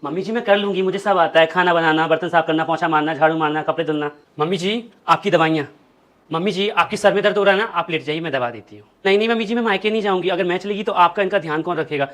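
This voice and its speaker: A woman's voice: lowish voice, fairly bright tone, natural voice. A woman playing a cheeky, scheming young daughter-in-law who mocks her mother-in-law. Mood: taunting. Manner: mocking, quick and cheeky.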